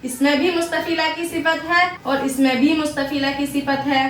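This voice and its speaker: A woman teaching Quran recitation, explaining Arabic letter sounds and drawing out slow model pronunciations between her explanations. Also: high-pitched, steady tone, far from the mic. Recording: echoey room, voice set back from mic.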